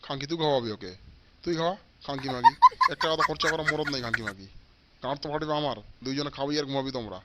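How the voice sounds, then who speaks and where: A man voicing a stingy, foul-mouthed old father in a comic cartoon, shouting and cursing at his family. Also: mid-range voice, very fast, very noisy, natural voice. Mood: angry. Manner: shouting, cursing, repeating threats.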